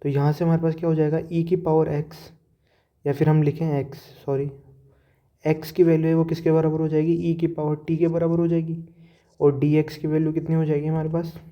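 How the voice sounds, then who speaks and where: Steady-toned male math teacher, lo-fi. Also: on the high side, normal speed. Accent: Hindi-speaking Indian. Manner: explanatory, mixes English math terms into Hindi. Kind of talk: whiteboard lecture, step-by-step explanation.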